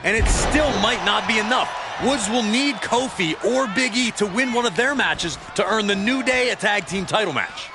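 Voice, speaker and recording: A man playing an excitable wrestling commentator in a video game, calling moves in emphatic shouts over loud noise. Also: sits high, normal speed. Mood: excited, urgent. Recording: loud arena crowd and impact noise.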